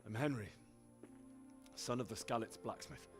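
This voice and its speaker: A man's voice: medium pitch, music in the background, lightly acted. A man voicing Henry, a shaken young survivor. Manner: halting, subdued report.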